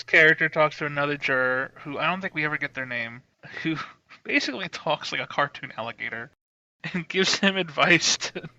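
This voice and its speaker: A man with a fairly high, very bright, edgy voice, recorded on a dry, muffled lo-fi mic. He co-hosts a casual comedy podcast, talking wryly and laughing through his sentences. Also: no room sound. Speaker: podcast co-host. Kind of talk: casual comedic film review chat.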